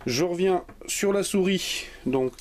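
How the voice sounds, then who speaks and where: A man's voice: high voice, slow. A man hosting a hardware video channel, chatting jokily and casually as he unboxes a product live. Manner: jokey, lively, chatty. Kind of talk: unscripted unboxing commentary.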